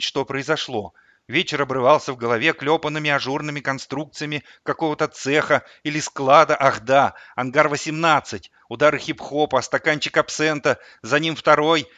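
A man reads a story aloud in a bright, slightly high voice, vivid and expressive. The recording is dry and close, with no room sound. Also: dry recording, lo-fi sound. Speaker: narrator. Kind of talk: audiobook narration.

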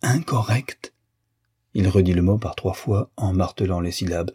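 A man reading a classic novel aloud as an audiobook, in a measured, even storytelling manner. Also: sits low, slightly rough, dry recording, studio quality. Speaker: audiobook reader. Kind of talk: literary audiobook narration.

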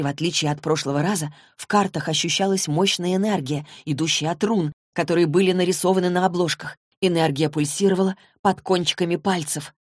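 A woman narrating a novel in an even, measured reading. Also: low-pitched, no room sound, studio quality. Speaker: audiobook narrator. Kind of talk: scripted narration.

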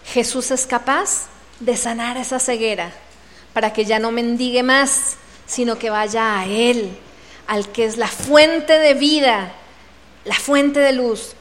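A woman's voice: fairly high pitch, steady tone, slow pace. A woman giving a devotional talk at a women's retreat, reading scripture aloud and acting out the voices in the story with drama. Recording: reverberant hall.

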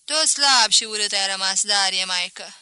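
A woman reading aloud voices a brash, teasing middle-aged widowed mother-in-law who talks loudly. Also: mid-range voice, clear, resonant tone, no echo.

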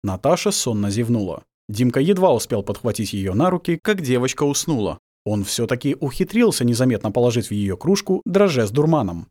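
A man narrating an audiobook in an expressive storytelling way. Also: mid-range voice, a little fast, few pauses, no room sound, studio quality.

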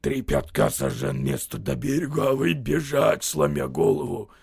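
A man voicing a hoarse, wheezing old male soldier who mocks the others. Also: medium pitch, big pitch swings, moderate pace, darkish tone, no echo, studio quality, full character voice. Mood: mocking.

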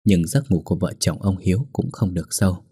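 A man narrating a ghost story in a steady, suspenseful way. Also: deep voice, a little fast, husky, dry recording, studio quality.

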